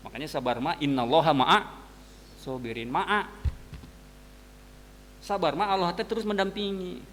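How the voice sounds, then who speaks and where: Sundanese male religious teacher, high bright voice, lively storytelling sermon, hall reverb. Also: slight background noise. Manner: animated storytelling, mixing casual asides and quick sound words. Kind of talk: dawn sermon to students. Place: mosque hall.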